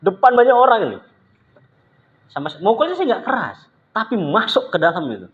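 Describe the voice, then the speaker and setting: A man giving an informal religious lesson, telling stories in a lively way and acting out what others said. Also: fairly quick, narrow, tinny audio. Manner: animated storytelling, acts out quoted speech with pitch jumps. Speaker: religious teacher. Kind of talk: informal lecture with anecdotes.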